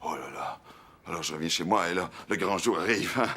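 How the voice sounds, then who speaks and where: An actor with a Quebec French accent playing Crocus, a playful, excitable young clown telling a story on a children's TV show, with many hesitations. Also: male voice, deep voice, a little fast, husky, full character voice. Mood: storytelling. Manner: animated, many hesitations, shifting into other voices. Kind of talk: children's TV monologue.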